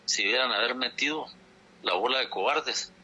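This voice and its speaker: A dairy farmers' leader from Chihuahua, Mexico, speaks by phone in an interview, indignant and insistent, repeating his points for emphasis. His mid-range voice has a sharp tone with a breathy edge, at a moderate pace. The audio comes over a telephone line.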